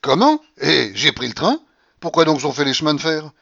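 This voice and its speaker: A man voicing an imperious, sharp-tongued old woman who mocks everyone around her. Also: on the high side, very animated, moderate pace, gravelly, no echo, dull audio, voice pushed up, exaggerated voice. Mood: scolding. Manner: loud, scolding, sarcastic.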